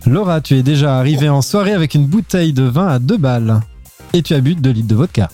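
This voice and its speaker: A man's voice: mid-range voice, expressive, fast, warm tone, soft background music. A man hosting a casual podcast, firing quiz questions at his co-hosts and laughing often.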